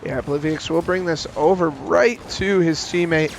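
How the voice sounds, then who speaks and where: A man calling esports play-by-play, giving a brisk, steady account of the action. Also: a little high, creaky, a little hiss or hum. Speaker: play-by-play caster.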